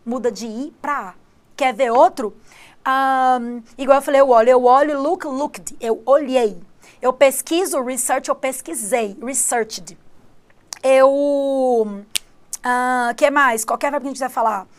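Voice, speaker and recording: A woman English teacher whose first language is Portuguese, giving a lively live-streamed exam-prep lesson and saying English examples slowly. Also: high voice. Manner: lively, explains patiently, switches between Portuguese and slow English examples.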